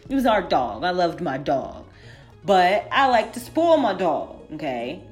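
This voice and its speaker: A woman vlogging casually into her phone, telling a story with lots of laughter and squealy high voices for the people she quotes. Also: big pitch swings, unhurried, a little mellow, soft background music.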